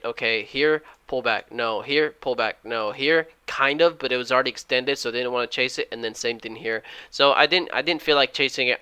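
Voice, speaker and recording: Male trading vlogger, rapid loud self-correcting recap, dry close sound. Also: mid-range voice, clear, resonant tone, no echo. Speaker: day trading YouTuber. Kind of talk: screen-share trade recap. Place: at home, alone.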